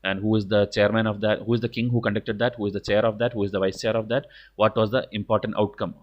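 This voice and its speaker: Fast-talking Indian man, blunt teacher. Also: lowish voice, flat delivery, muffled recording. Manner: blunt, stern, didactic; repeats "okay" as a verbal tic. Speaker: exam coaching teacher. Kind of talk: informal lecture explaining exam questions.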